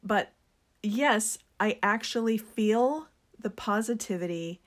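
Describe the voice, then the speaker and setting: A woman speaking slowly and with care, in an unhurried, earnest tone. She runs a small business and talks openly about sharing what she makes. Her pitch sits in a middle range. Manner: slow, gentle and earnest; introverted. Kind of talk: reflective personal talk.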